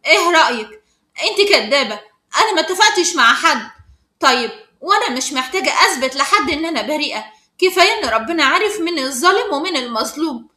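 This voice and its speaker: A woman's voice: high-pitched, lively intonation, fast talker, sharp tone, reverberant. A woman with an Egyptian accent voicing a firm, principled teenage schoolgirl who answers in a curt, indignant way. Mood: accusing. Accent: Egyptian Arabic.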